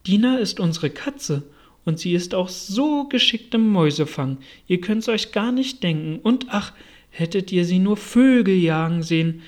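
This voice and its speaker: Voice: medium pitch, expressive, measured pace, natural voice. A reader voicing Alice, a curious, polite young girl, in an audiobook. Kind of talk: audiobook reading.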